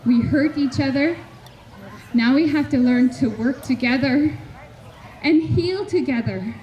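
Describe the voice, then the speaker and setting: In a dull, lo-fi recording with faint background noise, a Canadian woman with a high voice gives a heartfelt public address at a community memorial gathering. She speaks slowly and earnestly, with measured pauses between her phrases.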